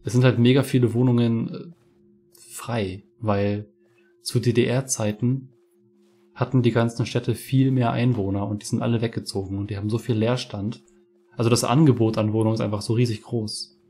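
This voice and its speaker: A warm, medium-pitched voice speaks at normal speed in a steady tone, with slight hiss or hum audible. It's a gaming streamer in his twenties from Mecklenburg-Vorpommern, northeastern Germany, casually commenting on a let's play via headset in a home room with a webcam while ranting and swearing freely.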